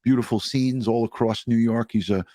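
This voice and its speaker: A man talking casually and appreciatively as a livestream host, in a halting way with pauses. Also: medium pitch, steady tone, dark tone, no echo, studio quality. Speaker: true crime livestream host. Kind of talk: casual livestream talk and sign-off.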